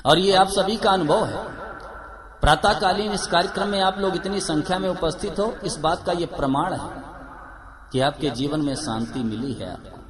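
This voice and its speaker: A man's voice: on the high side, moderate pace. A man giving a devotional sermon with a story at a live gathering, emphatic and repeating his key phrases. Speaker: religious storyteller. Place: live gathering before an audience. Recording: live recording with crowd audible.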